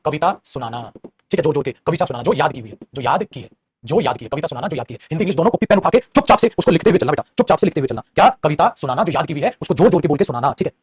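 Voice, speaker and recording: A male English teacher with a Hindi accent, explaining exam questions quickly in mixed Hindi and English, repeating phrases and coaxing students. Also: on the high side, expressive, slightly rough. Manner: repeats key phrases, asks and answers his own questions. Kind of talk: online exam-prep lesson.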